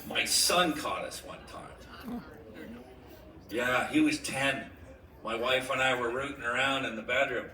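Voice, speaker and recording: A man's voice: mid-range voice, unhurried, pauses often, crowd noise. A middle-aged man doing a stand-up comedy set, telling stories with punchy delivery and acting out voices. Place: comedy club stage before a live audience. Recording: echoey club recorded from far off, noisy.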